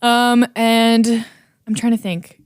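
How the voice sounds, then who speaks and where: A woman's voice: a little high, little pitch movement, slow pace, clean tone, no echo, clean studio sound. A young woman chatting as a podcast guest, giggly and talkative, often trailing off mid-sentence. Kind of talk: casual chat.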